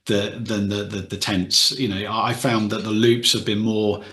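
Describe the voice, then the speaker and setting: A man's voice: fairly low pitch, level tone, moderate pace, fairly bright tone. Male host, hesitant rambling questions, echoey room on a call. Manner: hesitant, rambling, many restarts. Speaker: podcast host. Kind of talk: casual interview questions.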